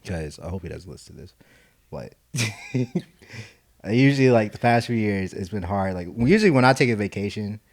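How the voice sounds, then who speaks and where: With a lowish voice and lively intonation, a young man speaks briskly as he co-hosts a podcast. The concrete estimator rambles through casual chat, often restarting and leaning on fillers.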